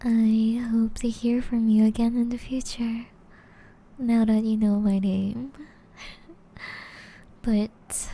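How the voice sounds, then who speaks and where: A woman plays a flirtatious, seductive female vampire in an intimate ASMR roleplay, breathy and often whispering slow, teasing endearments. Her voice is on the high side and warm.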